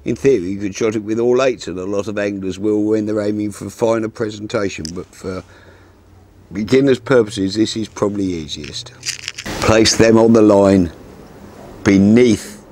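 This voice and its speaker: A man in his sixties calmly explaining a fishing setup step by step, seated outdoors at a garden table and talking into a lapel mic. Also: on the low side, normal speed. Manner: calm, methodical, practical explanations. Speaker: fishing instructor. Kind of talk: step-by-step tutorial.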